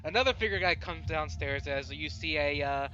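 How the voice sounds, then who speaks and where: A man's voice: on the high side, normal speed, bright, forceful tone. A young man narrating as dungeon master in an online tabletop game, rambling with lots of fillers. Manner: rambling, filler-heavy, laughs a lot. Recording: dull lo-fi voice chat audio. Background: background music.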